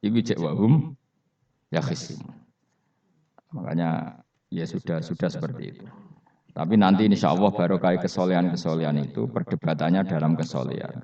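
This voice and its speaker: A man's voice: sits low, a little mellow. A man with a Javanese accent preaching a Quran study sermon, telling stories and putting questions to the audience. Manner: storytelling with questions to the audience and laughter. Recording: roomy, distant, dull hall recording.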